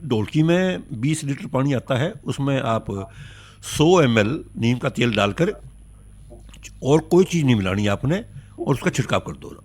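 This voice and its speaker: A man's voice: mid-range voice, animated, a little slow, darkish tone. A North Indian man with a mid-range voice gives phone-in advice. He is courteous and instructive, laying out steps and repeating what matters. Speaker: agriculture expert.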